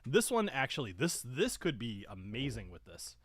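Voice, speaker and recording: His medium-pitched voice swoops wildly in pitch and has a fairly bright tone, at a moderate pace with no echo. He is hosting a laid-back whiskey tasting on livestream, rambling, using fillers, correcting himself, and speaking between bites and sips, sometimes mouth full.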